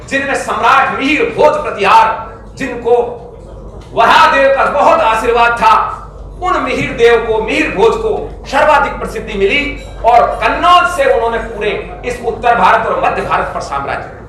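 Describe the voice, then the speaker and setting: A man's voice: extremely high pitch, normal speed, bright, forceful tone. A middle-aged man giving a formal, emphatic talk at a press conference, listing names and dates as he lectures. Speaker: press conference speaker on history. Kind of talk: formal public address. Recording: echoey room, speaker far from mic.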